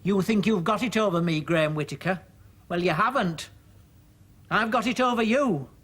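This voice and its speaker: An actor putting on the voice of a sharp-tongued 72-year-old mother, within a monologue drama. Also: fairly high pitch, animated, a little slow, husky. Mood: taunting. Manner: scolding and accusing, then clingy.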